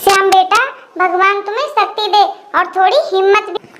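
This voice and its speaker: A very high, bright voice playing a meddling cartoon neighborhood aunty who chides and preaches. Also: fairly even intonation, moderate pace, a little hiss or hum. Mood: chiding. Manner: chiding, preachy.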